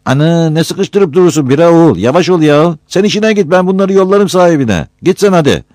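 A man's voice: fairly high pitch, lively intonation, a little fast, darkish tone, no room sound, studio quality, pitched above the performer's own voice, lightly acted. A man voicing a grumpy old village imam who scolds a young man to leave him be. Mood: irritated. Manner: fussy, scolding.

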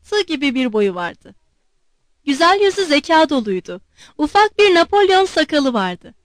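A woman narrating a classic novel as an audiobook, clear and measured. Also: high voice, no room sound. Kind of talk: scripted narration.

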